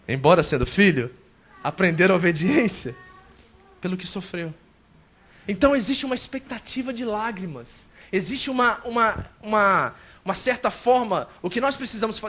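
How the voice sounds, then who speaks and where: High-pitched guy preaching, animated, acts out what people complain. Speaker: pastor. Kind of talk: sermon. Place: church service.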